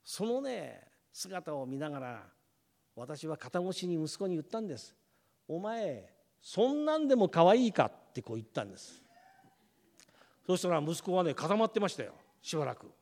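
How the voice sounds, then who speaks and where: Lively, high-pitched man preaching. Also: normal speed, gravelly. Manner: storytelling, acts out family members' words; addresses congregation directly. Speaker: pastor. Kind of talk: sermon with personal anecdote.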